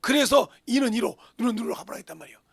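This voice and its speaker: A man's voice: extremely high pitch, lively intonation, very fast, gravelly, husky, dry recording, clean studio sound. A male pastor preaching a sermon with emphasis. He fires rhetorical questions and often drops into a whisper.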